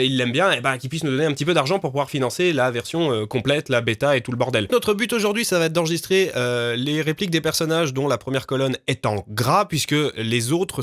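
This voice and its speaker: A man casually explaining, in a relaxed way with frequent fillers, how he records voices for his game. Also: medium pitch, no echo, clean studio sound. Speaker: game developer and voice actor.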